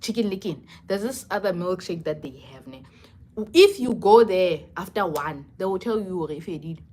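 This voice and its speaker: A woman's voice: fairly low pitch, moderate pace. A young woman with a South African accent chatting casually and expressively on a livestream, slipping between English and local languages. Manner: expressive, conversational. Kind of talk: casual live chat.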